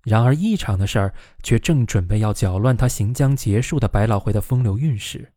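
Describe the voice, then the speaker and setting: A man's voice: on the low side, lively intonation, fairly quick, mellow, no echo, clean studio sound. A man reading a novel aloud as narrator, giving the quoted characters a raised voice.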